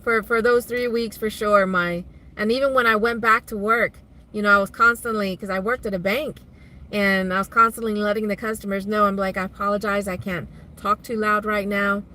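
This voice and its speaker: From inside a car, a woman hosts a casual live stream for her vlog, chatting with viewers and reading their comments aloud. Her mid-range voice is brisk, steady, pushed, and bright.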